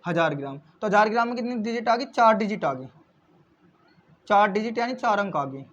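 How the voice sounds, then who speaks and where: Calling his viewers friends, a man teaches maths in a classroom-style walkthrough, going step by step, answering his own questions, and going back over the main points. He speaks a bit fast in a high, slightly bright voice with lively intonation, and the lo-fi recording sounds slightly dull.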